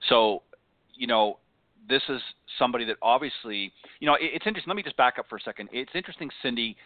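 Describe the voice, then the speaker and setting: Man co-host who rambles and backtracks, fairly low voice, dry close phone-quality audio. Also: dry recording. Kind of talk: casual chat. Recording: dry, tinny phone-like sound.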